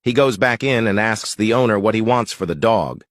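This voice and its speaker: A man's voice: fairly low pitch, normal speed, no echo, clean studio sound. A man narrating a joke as a short story.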